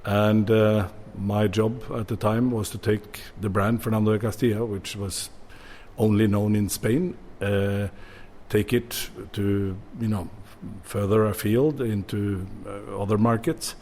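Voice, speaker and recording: A man's voice: fairly low pitch, fairly even intonation, unhurried, darkish tone, a little hiss or hum. A man in his sixties from Norway, a bodega owner answering interview questions with many fillers and restarts.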